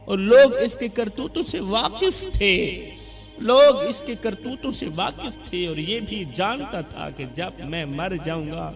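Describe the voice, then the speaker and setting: A man preaching an emotional sermon story in a dramatic, impassioned way. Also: high voice. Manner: impassioned, dramatic, rising to cries. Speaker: religious preacher. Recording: music playing under the voice.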